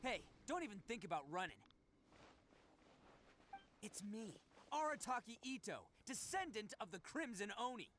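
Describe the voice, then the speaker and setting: A man's voice: high voice, big pitch swings, moderate pace, long pauses, fairly bright tone, slight background noise. A man playing a brash, proud young oni brawler in a video game, boisterous and cocky but good-hearted. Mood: cocky, fired up. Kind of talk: video game character acting.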